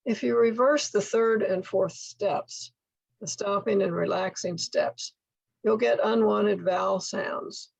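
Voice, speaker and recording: An older woman teaching in a slide presentation, speaking slowly and enunciating carefully as she models speech sounds step by step. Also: mid-range voice, steady tone, vocal fry, darkish tone, breathy edge, dry recording, rough recording. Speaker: workshop instructor for literacy tutors. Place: indoor room at home, video call.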